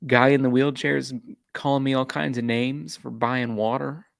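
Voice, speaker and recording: A man's voice: medium pitch, little pitch movement, normal speed, creaky, clear, resonant tone, no room sound, clean studio sound. A man hosting a casual livestream, telling a rambling, exasperated story with many restarts. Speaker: YouTube true-crime channel host.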